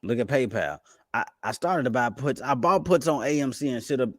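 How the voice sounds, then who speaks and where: A man giving casual, fast-talking commentary on stocks and crypto, excitable and stumbling over restarts. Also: medium pitch, no room sound, clean studio sound. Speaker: finance YouTuber.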